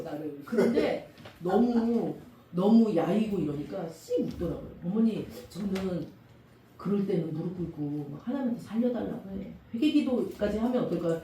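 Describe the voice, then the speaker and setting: Animated woman pastor preaching, echoey room. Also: mid-range voice, far from the mic, slight background noise. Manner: animated, emphatic, rhetorical questions to the congregation. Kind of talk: sermon.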